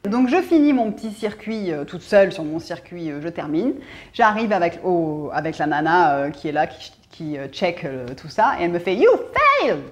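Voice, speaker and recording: A woman's voice: fairly low pitch, animated, normal speed, a little mellow. Chatty woman vlogging. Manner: chatty storytelling, many fillers and restarts. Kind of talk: casual chat.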